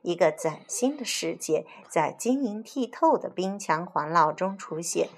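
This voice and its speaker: A woman reading a children's picture book aloud in an expressive, animated storytelling manner. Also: lowish voice, a little slow, slightly rough.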